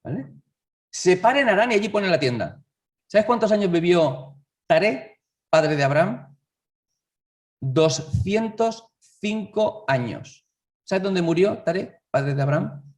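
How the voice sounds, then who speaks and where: Man, sermon, conversational, rhetorical questions, fairly high voice, distant mic. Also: animated, normal speed. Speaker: lay preacher. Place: church hall.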